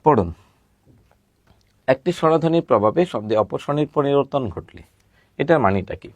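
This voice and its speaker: A man teaching a recorded grammar lesson, patiently repeating words slowly and asking questions he then answers himself. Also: mid-range voice, lively intonation, no echo.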